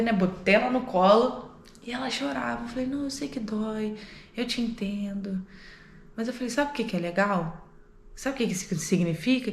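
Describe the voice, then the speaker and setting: Animated young woman telling a story. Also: on the high side, slight background noise. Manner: animated, swearing, acts out voices and laughs. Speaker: au pair vlogger. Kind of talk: casual storytelling to camera. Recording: echoey room.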